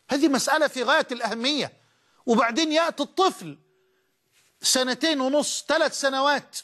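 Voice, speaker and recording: High-voiced impassioned Egyptian preacher. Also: male voice, fairly bright tone. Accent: Egyptian Arabic. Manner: impassioned, with rhetorical questions and emphatic repetition. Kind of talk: sermon.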